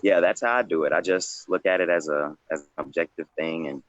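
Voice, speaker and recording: A man's voice: low-pitched, fairly quick, lo-fi sound. A man who is a poet, talking reflectively and informally on a panel in a loose, rambling way. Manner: loose, rambling, frequent "you know".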